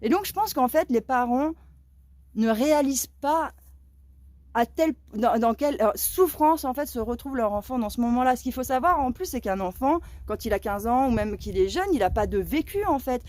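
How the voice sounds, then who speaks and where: Woman, 30s, from Lorraine, France, vlogger, casual monologue, emphatic, indignant, higher voice, dry sound. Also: lively intonation, moderate pace, a little mellow, dry recording.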